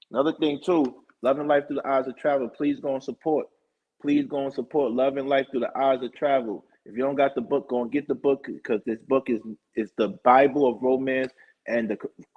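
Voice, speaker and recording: A man hosting his own live talk show, rambling through shout-outs and sponsor plugs in casual chat. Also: medium pitch, slightly rough. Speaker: show host. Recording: dull lo-fi stream audio.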